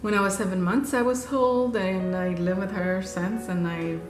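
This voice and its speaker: A woman in her forties from Haiti, earnestly recounting her life in an unhurried interview. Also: mid-range voice, steady tone, a little hiss or hum. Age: 40s. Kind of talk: personal recollection. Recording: echoey room with music underneath. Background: music.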